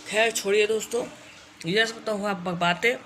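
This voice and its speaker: A woman's voice: medium pitch, fairly even intonation, moderate pace, fairly bright tone, slight background noise. A young woman vlogger speaking straight to camera, scolding someone in a confrontational tone and repeating her warnings. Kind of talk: direct-to-camera rant vlog.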